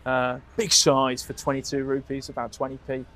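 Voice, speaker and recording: A man's voice: mid-range voice, monotone, moderate pace, a bit bright, faint music behind. Upbeat man telling travel stories. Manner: rambling, upbeat, with restarts. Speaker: podcast co-host. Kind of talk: casual travel storytelling.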